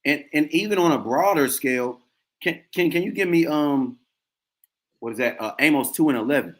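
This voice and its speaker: A man co-hosting a podcast in casual chat, talking in a relaxed, conversational way with many fillers. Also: fairly high pitch, normal speed. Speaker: podcast co-host.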